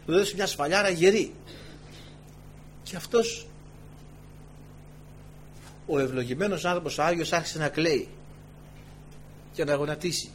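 A man's voice: on the high side, pauses often, a little hiss or hum. A man preaching a sermon to his congregation, telling stories with many asides. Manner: animated storytelling with many asides.

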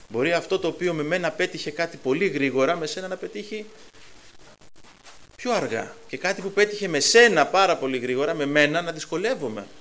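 A man preaching a sermon to his congregation, putting questions to them and building to loud emphatic passages. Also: a little high, slight background noise. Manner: asks the congregation direct questions.

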